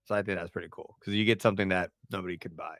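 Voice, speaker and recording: His low voice has fairly even intonation and a fairly bright tone, delivered rapid-fire with no room sound. He's a Puerto Rican partnerships director, native Spanish speaker using English as a later language, casually answering a livestream Q&A with many fillers and restarts.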